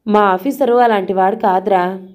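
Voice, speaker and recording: A woman's voice: mid-range voice, steady tone, moderate pace, a little mellow, natural voice. A woman voicing a young man, a fond younger brother who talks in a coaxing, reassuring way.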